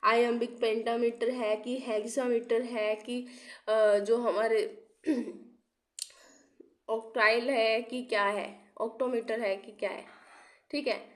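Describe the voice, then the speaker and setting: A woman's voice: fairly high pitch, little pitch movement, takes it slowly. A young woman teacher giving an exam-prep lecture while unwell and coughing now and then. She asks rhetorical questions, repeats key terms and checks in often. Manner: checks in often with "theek hai". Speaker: English literature teacher.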